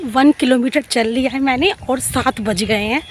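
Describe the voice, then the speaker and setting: At a moderate pace and in a high voice, a young woman from Bihar, India, chats casually for her vlog as she walks a village road outdoors. She repeats words as she thinks, sometimes sounds breathless, and a light hiss or hum runs underneath.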